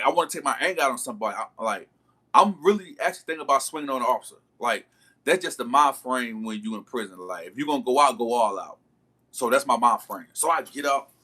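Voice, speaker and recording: A man's voice: mid-range voice, bright, forceful tone, slightly rough. A man livestreaming, telling a long story in casual slang and calling out to his viewers. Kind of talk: casual storytelling to a live chat.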